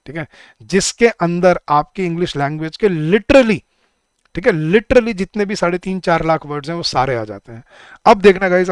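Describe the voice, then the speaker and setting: A man's voice: on the high side, clear, resonant tone, dry recording, clean studio sound. A man teaching an online exam-prep English lesson, talking to the class in a chatty way and answering his own questions.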